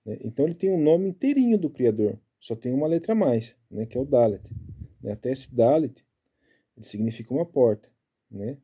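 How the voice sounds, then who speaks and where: A man giving a casual Bible study, explaining step by step and tagging his sentences with quick checks to the listener. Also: medium pitch, animated, mellow, breathy edge. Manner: chatty, keeps tagging lines with "né?"; explaining Hebrew letters and pronunciation step by step.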